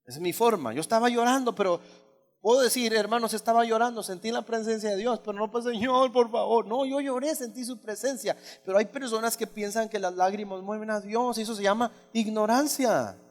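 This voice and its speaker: A male pastor preaching a sermon, emphatic and conversational, often asking the congregation questions. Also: fairly quick. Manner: emphatic, shifts from loud high exclamations to low asides. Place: church hall. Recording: hall reverb.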